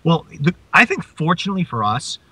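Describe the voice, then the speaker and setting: A young adult man, a podcast guest, chatting playfully and quick with jokes. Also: on the high side, very animated, pushed and bright, slightly rough, dry recording. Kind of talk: joking podcast chat.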